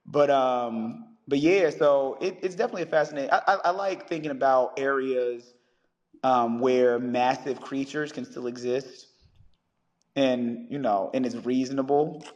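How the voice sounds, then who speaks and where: A man who is a science teacher, chatting on a podcast as a guest and telling stories with animated energy. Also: mid-range voice, moderate pace, in a large hall, muffled recording. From United States. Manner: animated storyteller, acts out callers in quotes. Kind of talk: casual podcast chat.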